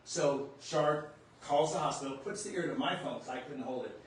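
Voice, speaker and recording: Earnest man telling a story, echoey room. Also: mid-range voice. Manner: earnest, halting, reliving the moment. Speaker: spiritual storyteller. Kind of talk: personal storytelling to camera. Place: room in his home near the kitchen. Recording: echoey room, distant mic, faint background hum.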